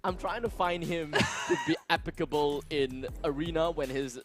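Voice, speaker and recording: A man co-casting an esports match, laughing easily and breaking down team tactics in a relaxed way. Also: fairly high pitch, moderate pace, faint music behind. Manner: laid-back, laughing, analytical. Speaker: esports caster. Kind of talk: esports commentary.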